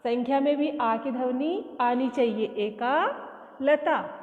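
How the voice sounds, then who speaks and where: A woman teacher, explaining Sanskrit exercises in a slow classroom style and asking questions that she then answers herself. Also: sits high. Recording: echoey room, tinny phone-like sound.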